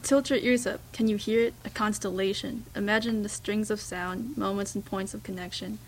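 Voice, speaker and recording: A woman reading a first-person story aloud, in a hushed, reflective way with small slips and restarts. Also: medium pitch, steady tone, normal speed, a little hiss or hum, low-quality recording. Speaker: reader.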